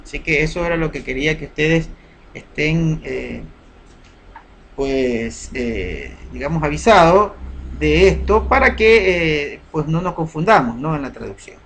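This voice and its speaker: A man teaching a Bible study lesson over slides, pausing often with fillers and checking in with his listeners. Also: a little high, animated, a bit bright, slight background noise. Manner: hesitant, many fillers, asks "¿no?" and "¿sí?" often.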